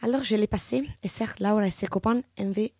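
A woman from Italy, whose first language is Italian, speaks as a podcast co-host. Her phrasing is playful and clearly non-native, and her voice sounds dry and close. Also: mid-range voice, fairly even intonation, quick pace, mellow, dry recording.

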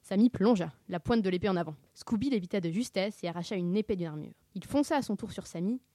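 A woman reading a children's book aloud, expressive and dramatic, sometimes dropping to a hush. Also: medium pitch, quick pace, dry recording, clean studio sound. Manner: expressive, dramatic narration with hushed whispers. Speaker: reader.

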